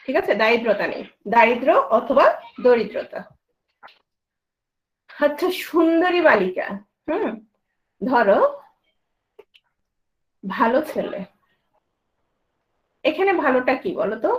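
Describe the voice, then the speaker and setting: A woman teaching a grammar lesson, quizzing her students with quick questions and then answering them herself. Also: sits high, animated, rough recording. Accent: Bangladeshi Bengali.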